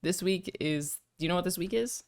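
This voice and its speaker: Sleepy low-voiced young woman podcaster. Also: fairly quick. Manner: chatty, tentative, many fillers. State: sleepy, groggy voice. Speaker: podcast host. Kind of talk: casual chat. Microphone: video call.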